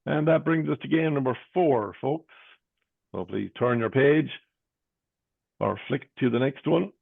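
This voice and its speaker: An Irish man working as a bingo caller, announcing numbers in traditional call phrases with a measured sing-song delivery. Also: mid-range voice, creaky, no room sound. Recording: tinny phone-like band-limited sound.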